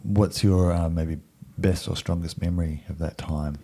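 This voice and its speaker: Male interviewer, deep and dark, short encouraging questions. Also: fairly even intonation, normal speed. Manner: brief, encouraging prompts.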